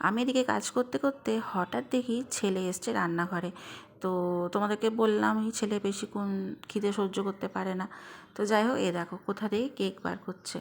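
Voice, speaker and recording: A woman's voice: medium pitch, fairly even intonation, a little fast, creaky, roomy sound. A woman in her thirties chatting casually to her viewers while she cooks and cleans in her home kitchen. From Bengal. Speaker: vlogger. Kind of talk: casual vlog narration to viewers.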